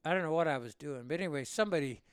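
A man in his seventies from Illinois, a veteran telling a war story in an interview, rambling and animated. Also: a little high, racing, clear, resonant tone, no room sound, clean studio sound. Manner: rambling and animated, with laughs and acted-out quotes. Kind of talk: oral-history storytelling.

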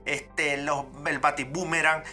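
A woman co-hosting a comedy podcast, irreverent and swearing in quick crude banter. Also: sits low, level tone, pushed and bright, faint music behind. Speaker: podcast co-host.

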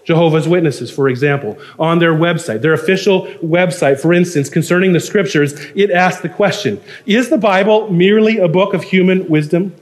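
Male preacher, high-pitched, earnest sermon delivery with firm emphasis. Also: moderate pace, few pauses. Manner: earnest, building emphasis, reads quotations aloud. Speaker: pastor.

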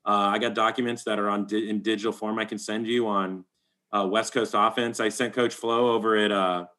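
Fast-talking animated man, baseball coach. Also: lowish voice. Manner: animated, talks fast, laughs often. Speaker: high school baseball coach. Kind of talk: casual podcast chat.

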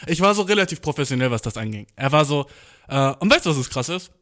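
A young man telling a comedic story in casual speech, slangy and animated, full of swearing and English slang. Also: quick pace. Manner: slangy, animated, acts out quotes with big pitch jumps.

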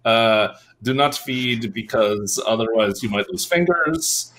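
A man's voice: lowish voice, huge pitch swings, takes it slowly, creaky, fairly bright tone, a little hiss or hum. A man playing a tabletop game, using a mock-formal, pompous in-character voice with frequent uh fillers. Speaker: player. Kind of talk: in-character tabletop role-play.

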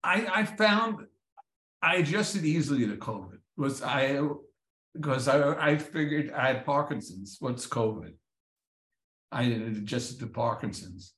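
Man giving an interview, halting and repetitive, roomy echo. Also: medium pitch, lively intonation, fairly bright tone. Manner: halting, repeats words. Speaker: guest. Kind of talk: casual interview.

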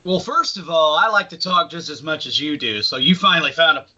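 High, piercingly bright-voiced man, podcast co-host. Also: expressive, a little fast, husky. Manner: profane, emphatic. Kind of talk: casual chat. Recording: dull lo-fi audio.

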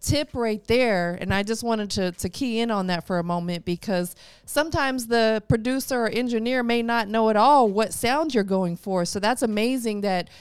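A woman's voice: a little high, normal speed, hardly any pauses, clean tone, no echo. A woman in her forties hosting a casual interview, upbeat and affirming, often laughing along with her guest. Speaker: host.

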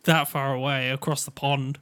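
A man's voice: mid-range voice, flat delivery, normal speed, a bit bright, smooth. A man with a Norfolk accent chatting casually as a podcast co-host. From Norfolk, England. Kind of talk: casual chat.

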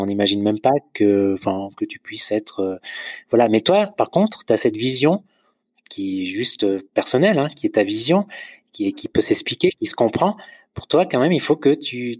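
A man's voice: medium pitch, darkish tone, slightly rough, dry recording. A man interviewing a guest, rephrasing his questions as he probes. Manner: probing, restates and rephrases questions. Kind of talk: casual conversational interview.

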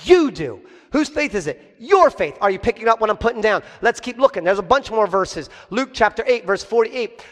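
High-voiced male pastor preaching. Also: moderate pace, hardly any pauses. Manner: preaching with rhetorical questions to the congregation; animated storytelling. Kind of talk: sermon. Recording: long hall reverb.

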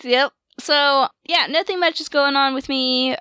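A woman's voice: high voice, fairly even intonation, a little slow, pushed and bright, no room sound. A young woman chatting casually as podcast co-host, hesitant and full of ums and likes. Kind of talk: casual chat.

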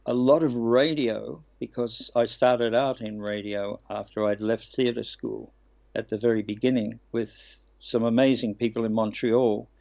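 An older man with a gravelly, fried texture recounts stories of his career in a relaxed, chatty way. He often pauses on ums and restarts his sentences. The recording sounds slightly muffled and lo-fi. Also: medium pitch. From Australia. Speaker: guest voice actor. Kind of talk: relaxed anecdotal interview talk.

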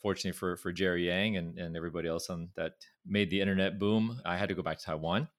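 In studio-quality, dry audio, a middle-aged guest with a Californian accent, the chairman of a pharmaceutical company from Southern California, talks fast in a steady tone with a voice that sits low. During the conversational interview he often repeats words as he pulls his thoughts together.

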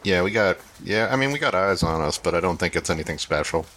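Deep-voiced guy in a tabletop rpg, sharp tense tone, dry short answers. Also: lively intonation, fast, slight background noise. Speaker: player. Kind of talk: tabletop game play, in character.

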